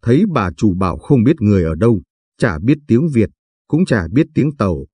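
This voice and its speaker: A gossipy working woman picking oranges, read aloud by a man. The voice sits low and mellow with a husky grain. It is recorded dry and close, like a storybook narration. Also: big pitch swings, normal speed, dry recording. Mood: chatty. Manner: gossipy, talkative. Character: chatty middle-aged woman orange picker.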